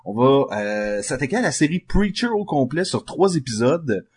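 Quebec French male podcast host, husky, halting and chatty. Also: mid-range voice, sing-song, a little mellow. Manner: hesitant, many fillers. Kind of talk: casual chat.

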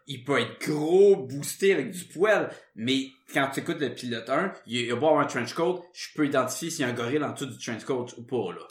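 A man with a Québécois French accent, hosting a casual podcast chat and talking in animated bursts with many restarts. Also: medium pitch, a little fast, few pauses. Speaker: podcast host. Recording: roomy echo.

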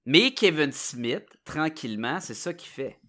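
A man's voice: a little high, very animated, a little slow, bright, forceful tone. A man with a Quebec French accent hosting a casual chat in a colloquial, rambling way.

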